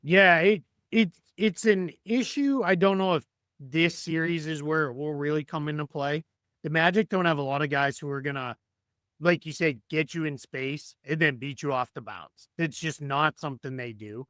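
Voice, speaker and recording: A man talking basketball as a podcast guest, his voice fraying as he goes hoarse. He thinks aloud, stopping and restarting mid-sentence with plenty of ums. His pitch sits somewhat high, and the mic is close with no room sound. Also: moderate pace, a bit bright, no echo. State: losing his voice. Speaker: guest analyst. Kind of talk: podcast sports analysis.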